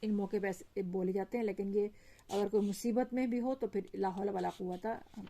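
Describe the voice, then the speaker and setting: A woman's voice: medium pitch, fairly quick. A woman teacher with a Pakistani Urdu accent reads a lesson aloud. She acts out its dialogue and then explains each line. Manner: reads the dialogue with raised, animated voices, then explains in a calmer voice.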